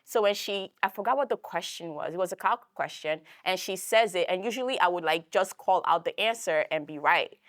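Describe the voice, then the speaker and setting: Chatty young woman with a low voice. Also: brisk, hardly any pauses, a bit bright, dry recording, clean studio sound. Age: young adult. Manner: chatty, many fillers and tag questions. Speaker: church workshop speaker. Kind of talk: casual church talk.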